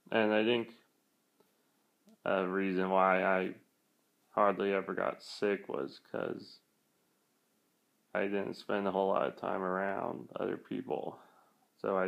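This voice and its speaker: A young man talks to his vlog while feeling under the weather. His voice is low and heavily gravelly with fry. He speaks extremely slowly and haltingly, often trailing off mid-thought. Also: flat delivery, highs cut off. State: feeling sick, achy and nauseous. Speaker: vlogger. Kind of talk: casual vlog talk.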